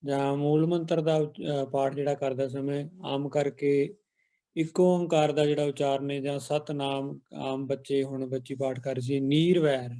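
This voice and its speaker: A man hosting an online class, gently correcting and announcing students. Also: a little high. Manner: gentle corrective, addresses children as beta ji. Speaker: teacher hosting online camp. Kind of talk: instructive announcing.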